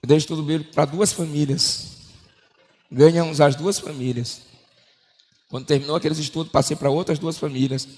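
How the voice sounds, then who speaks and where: A man's voice: fairly even intonation, fairly quick, pauses often, a little mellow, husky. Brazilian man preaching a testimony in a hall. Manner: storytelling, acts out dialogue with shifting pitch. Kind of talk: sermon testimony. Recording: long hall reverb.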